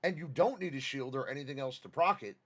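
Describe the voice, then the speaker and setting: Man, mid pitch, matter-of-fact, detailed explaining, casual gaming chat. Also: quick pace, fairly bright tone.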